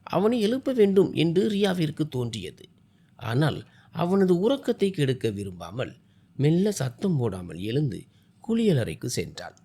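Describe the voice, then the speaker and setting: A man tells a family story in an expressive, dramatic reading. His voice is dark and husky and sits a little high, and his pitch moves about freely. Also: unhurried. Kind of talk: scripted story narration.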